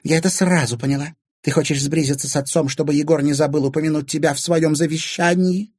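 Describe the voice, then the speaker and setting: A man's voice: on the high side, steady tone, fast, a little mellow, husky, no echo, studio quality, voice pushed up. A man voicing a scheming, two-faced stepmother who was once an actress, shrieking and sneering.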